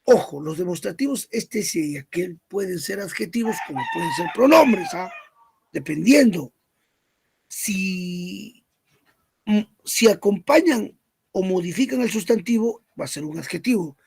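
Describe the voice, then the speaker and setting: A man's voice: sits high, expressive, moderate pace, vocal fry, darkish tone, slightly rough. A man teaching a grammar lesson, who asks questions, answers them himself and repeats word lists.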